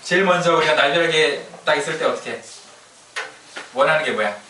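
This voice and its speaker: A male pastor delivers a chatty, humorous sermon. His voice sits fairly high and sounds bright and forceful. The sound is distant and echoey, with faint noise behind it. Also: lively intonation, brisk. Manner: chatty, humorous storytelling with laughs.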